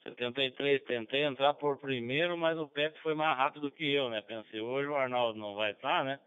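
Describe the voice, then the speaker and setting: A man from southern Brazil checking into a net as a radio amateur, heard over a ham radio, relaxed and joking. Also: mid-range voice, clean tone, no echo. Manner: relaxed, joking, drawn-out call signs. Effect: heard over a ham radio transceiver. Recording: muffled radio transmission.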